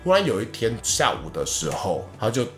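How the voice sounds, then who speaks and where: A man, co-hosting a podcast and telling stories in a casual, animated way. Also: on the low side, normal speed, faint music behind. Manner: animated, acts out the characters in his stories. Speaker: podcast co-host. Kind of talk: casual storytelling chat.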